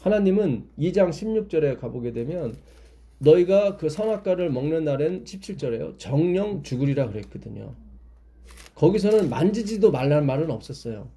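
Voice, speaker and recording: Bright-voiced man teaching a Bible study. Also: on the high side, expressive, normal speed. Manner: explains patiently, asks listeners questions.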